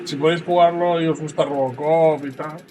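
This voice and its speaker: A man with a Spain Spanish accent chats through a game stream in a loose, joking way. He breaks into playful sing-song repetitions. Loud game audio runs under his voice. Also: a little high, steady tone, fairly quick, background noise. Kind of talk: casual game commentary.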